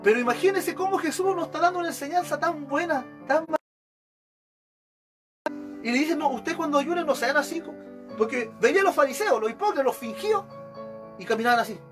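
A man with a Chilean accent delivers an evangelical sermon in a high voice. He keeps mimicking the people he talks about, so his pitch leaps and falls. Soft music plays under him. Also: fast talker, pauses often. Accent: Chilean Spanish. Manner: animated, acts out examples of church members. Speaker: preacher.

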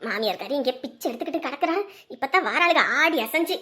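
A woman playing an older mother-in-law who groans and wails in pain, with a sharp tongue, in a serial-style drama. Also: sits high, animated, quick pace. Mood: groaning. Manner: moaning, wailing, sharp-tongued. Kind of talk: TV serial acting.

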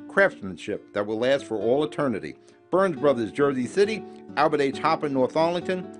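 A man reading an advertisement as an announcer in an upbeat, emphatic way. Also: fairly high pitch. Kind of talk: radio-style advertisement read. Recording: ad voice-over with faint guitar music.

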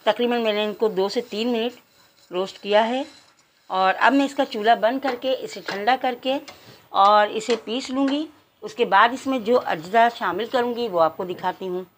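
On a home cooking channel, a woman with a somewhat high voice leads viewers through a recipe one step at a time, speaking at a normal pace. She addresses her audience formally and counts every measurement out loud. A faint hiss or hum sits under the audio.

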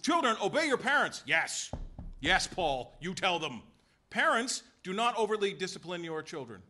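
A man preaching a sermon in a church, emphatic and full of rhetorical questions and quick voiced asides. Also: sits high, sing-song, sharp tone. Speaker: pastor. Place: church sanctuary.

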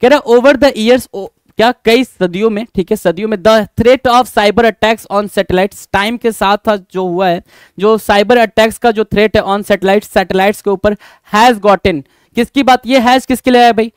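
High-voiced Indian male English teacher. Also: steady tone, measured pace, clean tone, no echo, studio quality. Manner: addresses students as bhai, answers chat comments by name; repeats points and asks rhetorical questions. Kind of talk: live online exam-prep class.

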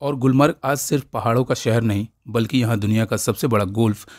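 A man giving a scripted, measured, informative travel voice-over. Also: medium pitch, a little mellow, no room sound, clean studio sound.

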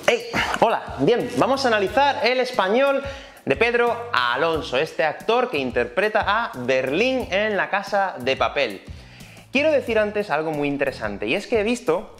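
A man's voice: high voice, fairly bright tone. A man with a Spain Spanish accent teaching an online Spanish lesson in a chatty, explanatory way. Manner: chatty, explanatory, many fillers.

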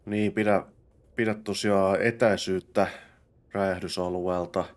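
During fights this young Finnish let's play host bursts into exclamations, though otherwise he mutters to himself through casual gameplay commentary. His voice sits low with a level tone.

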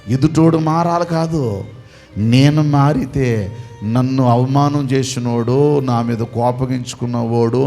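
A male pastor, preaching a sermon, swinging from quiet pleading to shouting and repeating questions to the congregation. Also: medium pitch.

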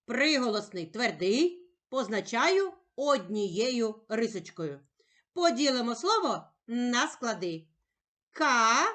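A woman teacher speaking slowly and carefully in a sing-song voice, giving a reading lesson for young children. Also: on the high side, very animated, a bit bright. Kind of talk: slow, clearly articulated children's reading lesson.

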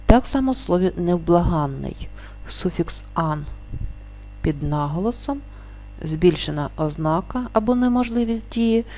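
A woman teaching a spelling lesson, explaining rules slowly and stretching out each example word. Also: lowish voice, lively intonation, mellow. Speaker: language teacher.

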